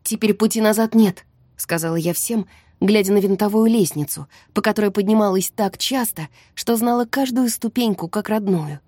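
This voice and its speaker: A woman narrating a fantasy audiobook in the first person, in a tense, hushed storytelling manner. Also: mid-range voice, moderate pace, slightly rough, no echo. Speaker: audiobook reader.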